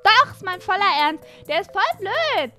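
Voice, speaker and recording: A woman's voice: very high-pitched, big pitch swings, normal speed, bright, forceful tone, soft background music, full character voice. A woman voicing a cheeky, defiant baby girl in a Roblox role-play, whiny and chatty. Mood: bratty. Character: bratty, cheeky baby girl expelled from school.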